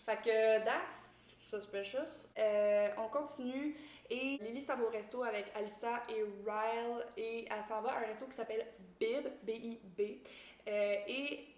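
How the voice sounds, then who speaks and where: A woman with a Québécois French accent gives a casual, animated book recap. She mixes English slang into her French and acts out the characters. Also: on the high side, a little slow, reverberant. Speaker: book YouTuber.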